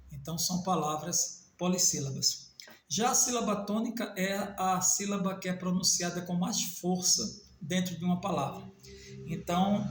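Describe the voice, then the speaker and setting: In an echoey room with slight background noise, a Northeastern Brazilian man gives a Portuguese grammar lesson on video. His voice is on the high side and carries a Northeastern Brazilian accent, and he spells letters out slowly, correcting himself in small ways.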